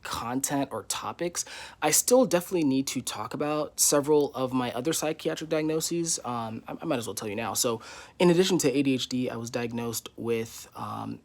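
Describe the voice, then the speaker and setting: A man's voice: mid-range voice, a little fast. A man in his twenties giving a casual, candid vlog update from his living room, rambling with many fillers. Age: 20s. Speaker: YouTuber.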